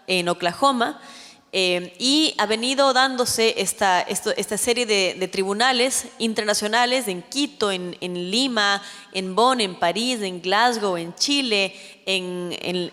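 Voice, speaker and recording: A woman's voice: medium pitch, fairly bright tone. A woman from Ecuador giving a formal, earnest address as secretary of an ethics tribunal, with frequent fillers and restarts. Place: legislative chamber hall. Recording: long hall reverb.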